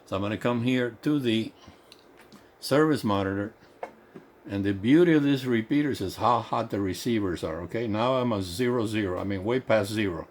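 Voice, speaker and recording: In a home electronics workshop, with clear ambient noise in the background, a radio technician shows off repeater gear. He's a non-native English speaker whose voice sits on the low side at a moderate pace, and his hands-on explanation is casual and enthusiastic.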